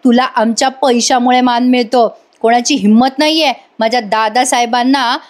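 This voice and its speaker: A woman's voice: a little high, fairly even intonation, moderate pace, close to an everyday voice. A woman voicing a sly, scheming woman who taunts and mocks others. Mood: taunting. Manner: taunting, mocking.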